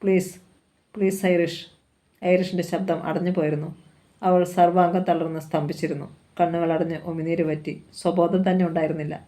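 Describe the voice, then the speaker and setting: Woman, novel reading, calm, flat delivery, mellow tone. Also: fairly low pitch, fairly quick. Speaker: novel reader.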